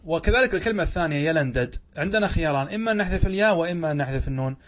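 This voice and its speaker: A man's voice: fairly high pitch, animated, racing. A man teaching Arabic grammar in a lesson, asking his own questions and answering them, often drawing out words as he explains. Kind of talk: classroom lesson.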